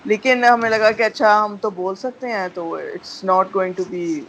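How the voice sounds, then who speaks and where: A woman's voice: medium pitch, a little slow, fairly bright tone, highs cut off, a little hiss or hum. A woman with a Pakistani Urdu accent giving a candid testimonial as a voice-over student, slipping English phrases into her talk.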